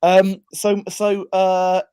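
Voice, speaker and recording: A man's voice: sits high, completely flat delivery, drawn-out words, dark tone, smooth, dry recording. A man from England talking over an audio-only call, self-deprecating and rambling with restarts. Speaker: guest, kidney donor. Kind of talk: casual interview chat. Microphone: video call, audio only.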